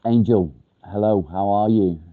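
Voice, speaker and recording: Through narrow, tinny audio comes a lowish, slightly slow voice: an Englishman hosting a livestream. He handles viewer comments in a blunt, casual, direct manner, his nasal, congested tone betraying a blocked nose.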